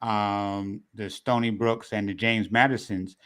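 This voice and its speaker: A man co-hosting a casual sports talk show, quick and slangy, often cutting in over his co-host. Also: lowish voice, steady tone, fairly bright tone. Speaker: podcast co-host.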